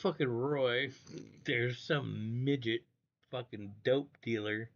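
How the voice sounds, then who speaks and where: A man's voice: medium pitch, slow, creaky, dull audio. A man hosting a livestream, telling a rambling, profane story in casual chat. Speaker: livestream host.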